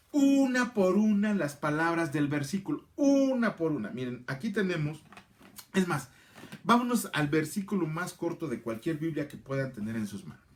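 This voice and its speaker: A middle-aged man, teaching a casual Bible class and answering viewers by name. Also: on the high side. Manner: chatty, answers viewer comments by name, repeats phrases.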